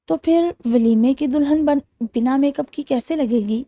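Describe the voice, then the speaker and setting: A woman narrator voicing an affectionate young husband who speaks gently and teasingly. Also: a little high, steady tone, no room sound. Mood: tender teasing.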